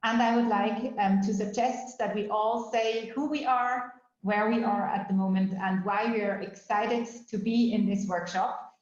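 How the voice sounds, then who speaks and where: A woman's voice: mid-range voice, steady tone, a little slow, hardly any pauses, darkish tone. A woman moderates an online workshop over a video call, walking people through the steps with plenty of um fillers. Her voice sits in a roomy space, and the audio is a little dull. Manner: orderly, explains steps with frequent um fillers.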